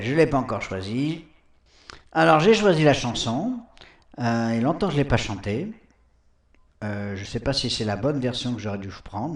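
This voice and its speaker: A man's voice: mid-range voice, echoey room, recorded from a distance. A man hosting a live voice chat room, chatting casually and laughing at himself between karaoke songs, with lots of fillers. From France. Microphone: home computer mic.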